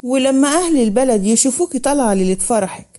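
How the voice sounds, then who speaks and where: A woman's voice: high-pitched, lively intonation, quick pace, mellow. A woman voicing a cold, proud young groom from Upper Egypt, speaking with sarcasm and an Upper Egyptian accent.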